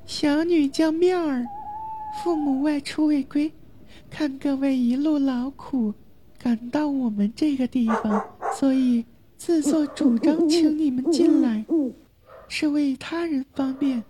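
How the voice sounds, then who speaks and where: A man voicing a demure, charming young woman in a spooky folk tale, soft and polite. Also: very high voice, slow pace, background noise, pitched above the performer's own voice. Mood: coy. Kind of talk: storytelling.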